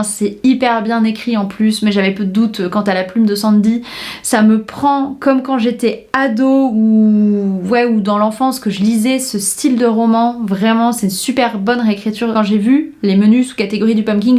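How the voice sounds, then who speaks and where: A woman's voice: on the high side, darkish tone. A young woman from France chatting casually about her reading list on her podcast, enthusiastic, with many fillers and restarts. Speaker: book podcaster. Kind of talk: casual book chat.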